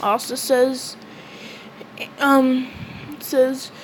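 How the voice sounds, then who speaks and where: A woman retells a fan story in a casual, halting way, full of fillers and restarts. She speaks slowly in a fairly high voice. There is a faint hiss under the recording. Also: level tone.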